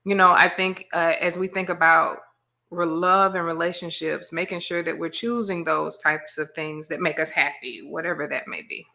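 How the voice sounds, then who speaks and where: A woman with a lower pitch and a bright, forceful tone talks in a relaxed chat show. She speaks in a thoughtful, measured and supportive way. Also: creaky. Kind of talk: casual chat.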